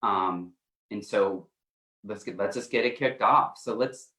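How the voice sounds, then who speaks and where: A man's voice: lowish voice, a little slow, bright, forceful tone. Rambling male coach in an echoey room. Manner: rambling, loose, lots of fillers. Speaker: co-host, life coach. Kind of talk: casual livestream chat. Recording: roomy echo.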